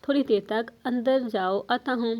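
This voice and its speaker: A woman's voice: on the high side, darkish tone, close to an everyday voice. A woman voicing a young husband who speaks sternly and commandingly to his wife in a storybook reading. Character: angry protective young husband.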